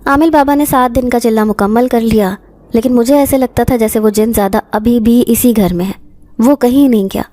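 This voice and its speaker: A woman narrating a first-person horror story in a steady, dramatic storytelling manner. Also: on the high side, no echo.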